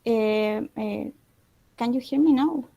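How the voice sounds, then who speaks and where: A woman's voice: fairly high pitch, takes it slowly, vocal fry, mellow, dry recording, dull audio. Speak as a woman presenting a research paper over an unstable video call that keeps cutting out, hesitant with lots of filler sounds. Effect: unstable internet connection that cuts out.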